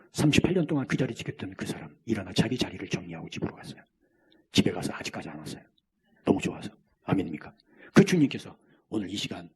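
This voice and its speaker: A man preaching a sermon as pastor, swinging between near-shouts and hushed whispers. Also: on the low side, breathy edge.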